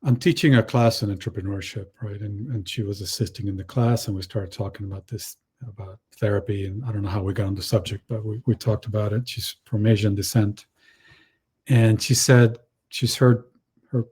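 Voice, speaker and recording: Low husky-voiced man, mellow tone, halting panel talk with lots of restarts. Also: steady tone. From Chile. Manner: halting, many restarts and fillers. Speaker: panel guest. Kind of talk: panel discussion.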